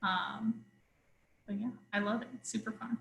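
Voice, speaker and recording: A woman's voice: a little high, fairly even intonation, measured pace, creaky, a bit bright, muffled recording. A woman answering questions in a casual webinar, chatty and hesitant with many fillers. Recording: echoey room.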